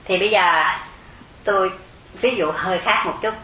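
A woman gives a Zen dharma talk, explaining patiently and putting rhetorical questions to her listeners. Her voice is bright and rings in an echoey temple hall. A faint hum sits behind her. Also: mid-range voice, normal speed. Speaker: Buddhist Zen teacher.

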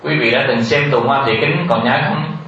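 A male Buddhist teacher telling a story during a dharma talk, halting with many filler sounds and turning to ask his listeners questions. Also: medium pitch, sharp tone. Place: temple hall in the US. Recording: very echoey hall, far from the mic, dull sound.

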